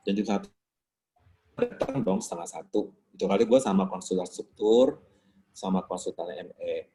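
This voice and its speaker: Man telling a story on a video call. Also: fairly low pitch. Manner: animated, acts out quoted lines in slangy talk. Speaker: guest.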